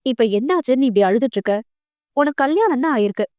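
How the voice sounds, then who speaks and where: A woman's voice: sits high, animated, fast, darkish tone, no room sound, clean studio sound. A woman reading an audio novel voices a caring elder sister who scolds and coaxes in her own voice. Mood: scolding. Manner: reproachful, coaxing.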